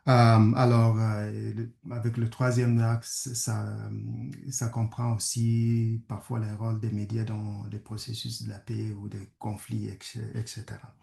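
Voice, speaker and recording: Presenting hesitantly at a webinar as a guest, a conflict studies professor, French and from Kenya, with English as his first language, speaks in a gravelly, lowish, warm voice with entirely flat delivery. He falters, filling pauses and restarting frequently. The video call audio echoes around the room.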